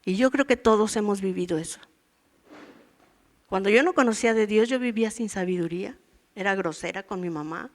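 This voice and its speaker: A woman in her sixties gives a chatty, storytelling sermon to a women's church meeting, acting out voices from daily life and her past. Her mid-range voice moves a little fast, broken by long pauses.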